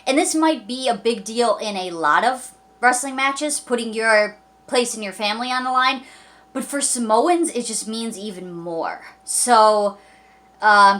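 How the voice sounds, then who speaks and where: A woman's voice: fairly high pitch, a bit bright. A woman recapping a wrestling show in a casual vlog, talking enthusiastically with many fillers and acting out quoted lines. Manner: acts out quoted lines in a mock voice.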